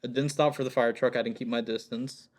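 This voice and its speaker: A young man with a mid-pitched voice, chatting casually with friends on a podcast. He tells his story in a laid-back way and laughs often. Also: fairly even intonation, fast. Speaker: podcast guest. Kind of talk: casual chat.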